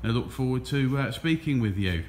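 A trailer salesman from England walks the warehouse filming on his phone, chatting casually with many ums in a mid-range voice at a slightly fast pace. Alongside soft background music, the indoor space is echoey with a faint hum.

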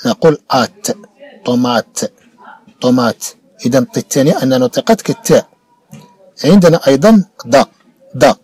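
A man's voice: mid-range voice, mellow, slightly rough, no room sound. Moroccan man teaching French, patient and repetitive. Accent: Moroccan Arabic. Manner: patient, repeats words slowly for learners. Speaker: primary school French teacher. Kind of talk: explanatory lesson narration.

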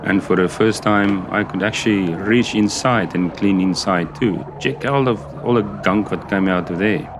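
Low-pitched and at normal speed, with hardly any pauses, a sailing vlogger in his fifties lays out a boat cleaning task in plain steps, often restarting. He's outdoors on a catamaran's deck, captured by a close-held action camera in a noisy recording.

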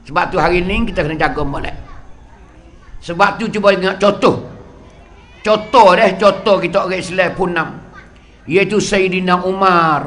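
A man's voice: sits high, sharp tone, a little hiss or hum. A male religious teacher with a Kelantan-Patani Malay accent, telling a story in a sermon and acting out the scenes with sound words.

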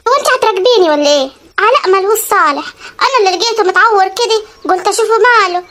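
An actor voices a stubborn young husband in a cartoon, speaking with an Upper Egyptian accent. He is curt and dismissive. The voice sits very high and moves very fast. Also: bright, forceful tone. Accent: Upper Egyptian Arabic. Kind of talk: animated comedy voice acting.

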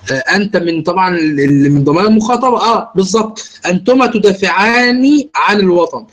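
A man's voice: high voice, poor audio. A man with an Egyptian Arabic accent teaching a grammar lesson, explaining step by step and quizzing his students.

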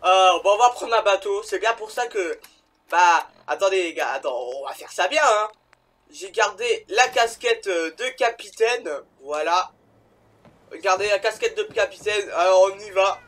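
A man's voice: high voice, expressive, a little slow, a bit bright. A man commenting casually while playing a video game, chatty, rambling and joking. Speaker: gamer, let's play host.

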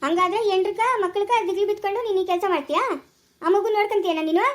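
A woman with a rural Chikkaballapura Kannada accent playing a furious, domineering older village mother-in-law in an amateur family skit, scolding in a shrill, bossy way. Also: fast, lightly acted.

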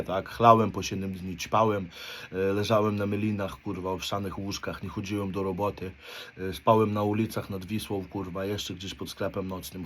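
A man's voice: on the low side, a little hiss or hum. A man in his thirties from Poland, talking bluntly in street slang and swearing constantly, often ending his points with a questioning "right?". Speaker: motivational speaker. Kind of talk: blunt confessional monologue.

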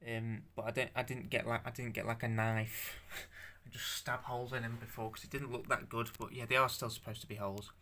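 A young man with a bright, forceful voice shows off his handmade figures in a loose show-and-tell. He stammers, restarts and swears as he goes, and he sounds unused to talking out loud. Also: medium pitch, flat delivery, slight background noise. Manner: halting, stammering, swears, self-conscious. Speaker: stop-motion creator showing his figures.

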